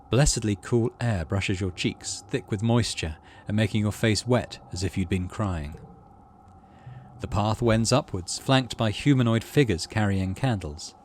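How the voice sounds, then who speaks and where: A gaming channel host plays through a video game, reading its story text aloud and adding casual commentary. His voice is on the low side, with slight background noise.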